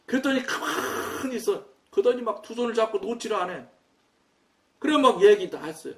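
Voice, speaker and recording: A man preaching a sermon, telling a story in an animated, loud way and acting out his own quoted words. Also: high voice, fairly quick. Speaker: pastor. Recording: echoey room, mic at a distance.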